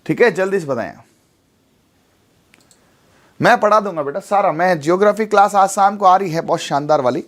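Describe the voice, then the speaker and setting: A man's voice: high-pitched, normal speed, pauses often. A young man, teaching an exam-prep class in a chatty way and often checking with his students. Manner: chatty, repeats tag questions like "theek hai". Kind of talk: live exam-prep lesson.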